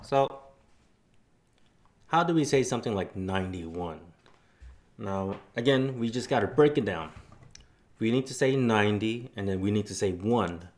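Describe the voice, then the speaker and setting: A man gives a casual language lesson in a fairly low voice. He walks through each step plainly and easygoing, with relaxed fillers between points. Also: unhurried, pauses often. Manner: explains step by step, loose fillers. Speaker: language teacher.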